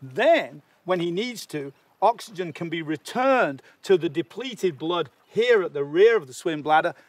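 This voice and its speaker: A man's voice: a little high, lively intonation, unhurried, no echo. An older man presenting a nature documentary outdoors, explaining things to camera. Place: outdoors on grass by the sea.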